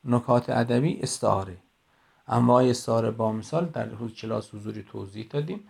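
A middle-aged man teaches a lesson into a phone for a voice message. His voice is heavily gravelly and a little husky. He explains patiently and works through his examples one by one. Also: medium pitch, darkish tone. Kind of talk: recorded lecture.

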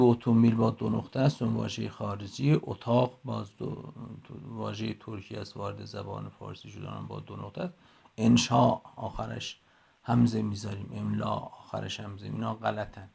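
A man, middle-aged, teaching a class in a recorded voice message on a phone, explaining slowly and going through examples one by one. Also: lowish voice, gravelly, dark tone, slightly rough. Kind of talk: recorded lecture.

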